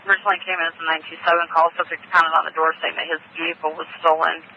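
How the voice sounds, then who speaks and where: A man's voice: a little high, flat delivery, rapid-fire, creaky. Man dispatching over police radio. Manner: clipped, procedural radio codes. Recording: muffled scanner audio with faint hiss.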